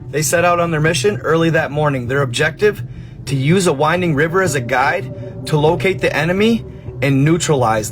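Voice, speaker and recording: A man narrating eerie legends and strange encounters in a dramatic, suspenseful storytelling manner. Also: on the high side. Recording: faint music behind.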